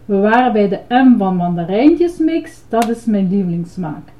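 A woman's voice: mid-range voice, expressive, normal speed, dark tone, lightly acted, poor audio. Grover, a woman doing a proud chanting ice cream monster. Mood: flustered. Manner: proud, chanting, eager to please. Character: cheerful blue male monster ice cream seller.

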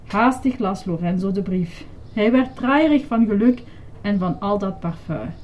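A woman lively and expressive as she reads a children's story aloud. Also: medium pitch, a little slow, muffled recording.

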